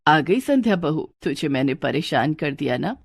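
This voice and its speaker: A woman's voice: low-pitched, big pitch swings, moderate pace, vocal fry, slightly rough, voice pushed down, heavily acted. A woman voicing a fretful older mother-in-law who stammers nervously in a cartoon story. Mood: flustered.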